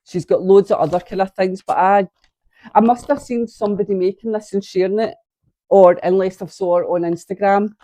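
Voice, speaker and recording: Filming at home with a camera on a tripod, a woman with a medium-pitched, dark voice chats briskly about her knitting, a bit congested from sinus trouble. She's chatty and rambling, breaking off mid-sentence, and the recording sounds dry.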